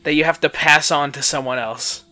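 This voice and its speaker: A man's voice: a little high, steady tone, normal speed, pushed and bright. A man co-hosting a casual podcast, reading episode summaries aloud with amused, joking asides. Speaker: podcast co-host.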